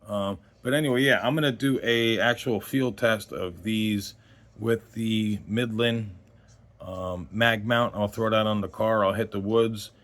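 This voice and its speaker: This gear review comes from a host in his forties with a lowish, slightly bright voice and fairly even intonation. He speaks unhurriedly and off the cuff, wandering from point to point and leaving thoughts unfinished.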